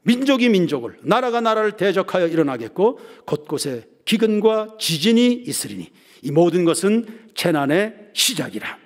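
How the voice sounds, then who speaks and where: Man, pastor, sermon, high voice, dramatic swings to near-whispers, long church reverb. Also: big pitch swings, normal speed. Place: church sanctuary.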